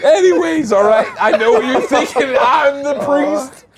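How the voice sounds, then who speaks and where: A man's voice: very high-pitched, unhurried, very noisy. A giggly drunk man telling a rambling, sweary comic story to friends, repeating himself and breaking into laughter as he talks. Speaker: podcast host.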